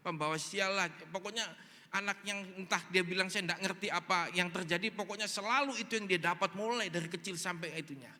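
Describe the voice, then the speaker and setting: A man's voice: high voice, bright, forceful tone. A male pastor preaching a sermon, telling a story animatedly and acting out the dialogue. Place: large church hall. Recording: long reverb in a large hall.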